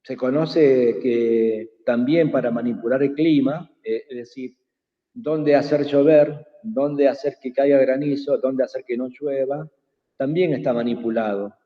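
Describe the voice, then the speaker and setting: An invited speaker whose first language is Quechua gives a slow, reflective talk at an online workshop, hesitant and full of pauses and fillers. His voice is mid-range, and the video call audio comes through tinny and phone-like with long reverb.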